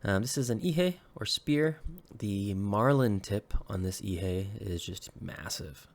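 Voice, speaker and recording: A man from Hawaii with a low voice, a woodworker and weapon maker, talks slowly and easily in a casual show-and-tell vlog. He's slightly sick and still recovering, and his speech is full of ums and uhs as he keeps correcting himself.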